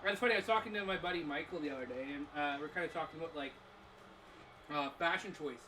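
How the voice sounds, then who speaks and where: Talking at a quick pace in a slightly high voice, a man co-hosting a gaming channel chats casually over a wrestling video game. He's rambling and self-assured with many fillers, and the game's arena crowd is audible beneath him.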